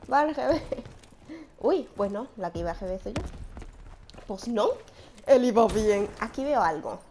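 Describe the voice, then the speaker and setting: A young woman giving excitable gameplay commentary, shouting and shushing as she plays. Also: fairly high pitch, unhurried, long pauses, slight background noise. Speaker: gaming channel host.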